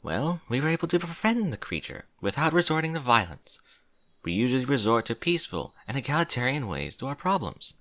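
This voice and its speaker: A man voicing a regal, earnest female pony princess in a formal, measured, gentle way for a story reading. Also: mid-range voice, big pitch swings, no room sound, voice pushed up.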